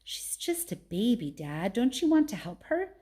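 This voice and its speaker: A woman narrator voices an excited young girl from a storybook. Her speech is high and emphatic. She is earnest and persuasive, insisting and pleading like a child with a big idea. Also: moderate pace. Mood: earnest persuasion.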